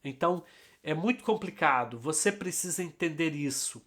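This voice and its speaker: A man's voice: a little high, animated, normal speed, a bit bright. A man hosting an English lesson, talking in an emphatic, conversational way. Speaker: English teacher, host. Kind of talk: casual teaching talk.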